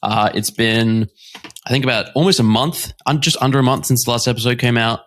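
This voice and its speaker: A man's voice: mid-range voice, steady tone, fairly quick, fairly bright tone. Man, podcast co-host, casual chat, laughs a lot, rambling. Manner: laughs often, rambling with restarts. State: recovering from covid.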